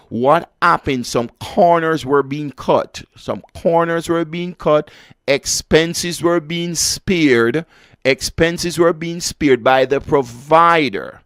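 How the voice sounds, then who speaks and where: A man's voice: mid-range voice, no room sound, clean studio sound. A man hosting a call-in radio advice show, talking straight to listeners and repeating key phrases for emphasis. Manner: preachy, addresses listeners directly.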